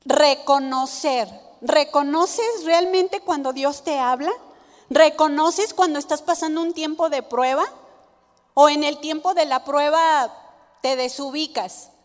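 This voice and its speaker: A woman's voice: high voice, takes it slowly, long reverb tail. A woman preaching a sermon to a women's meeting, emphatic, acting out quoted prayers and putting questions to the congregation. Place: church hall.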